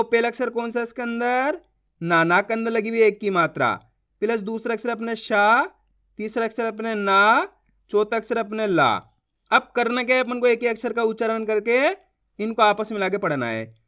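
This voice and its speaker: A man's voice: high-pitched, a bit bright. A man teaching Hindi reading, sounding out syllables one by one and stretching them, often asking the viewer whether it makes sense. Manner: drawn-out, stressed syllables when sounding out words; repeats rhetorical questions to the viewer. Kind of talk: step-by-step reading lesson.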